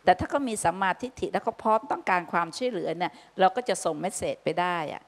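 Woman Buddhist teacher, gentle and folksy, on a live talk broadcast, voice ringing in a reverberant hall. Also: mid-range voice, animated, fast talker. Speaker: Buddhist teacher answering listener questions. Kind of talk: live radio dharma talk.

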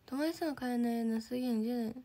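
A woman's voice: fairly high pitch, very fast, dark tone. A teenage girl with a lilt, chatting casually on a livestream, thanking viewers and sometimes dropping almost to a whisper. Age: teens. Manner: chatty, reads and thanks viewer comments, drops to near-whispers. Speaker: idol livestreamer.

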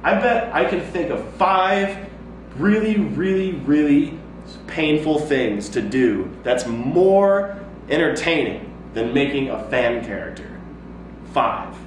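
A man's voice: a little high, animated, takes it slowly, heavy reverb, recorded from a distance, a little hiss or hum. A man hosting a comedy web show, sarcastically ranting about fan mail and swearing in exasperation.

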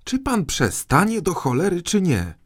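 A man's voice: high voice, huge pitch swings, unhurried, slightly rough, voice pushed up, full character voice. A man voicing a stubborn, hot-tempered boy king who cuts people off with impatient outbursts. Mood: exasperated.

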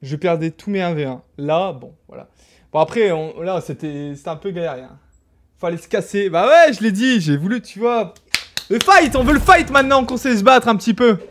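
A young man from France giving casual, animated commentary as he streams a game. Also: sits high, normal speed. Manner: chatty, animated, jokey, exclaims loudly. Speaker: gaming streamer. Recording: faint background noise.

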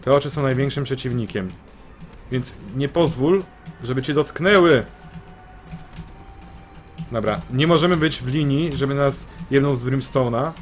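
A man giving excitable let's-play commentary, swearing and repeating phrases in bursts. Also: mid-range voice, a little slow, long pauses, faint music behind. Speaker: gameplay commentator.

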